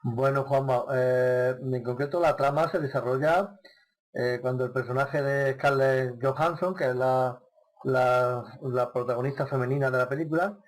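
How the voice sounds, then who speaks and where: Man, radio host, casual talk show, hesitant, many fillers and restarts, medium pitch. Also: fairly even intonation, normal speed.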